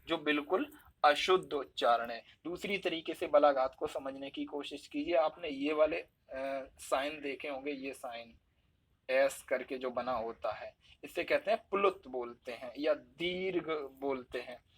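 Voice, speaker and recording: A man's voice: fairly high pitch, unhurried, a bit bright, breathy edge. A man teaching a spoken lesson, explaining step by step and acting out examples with shifting stress and intonation.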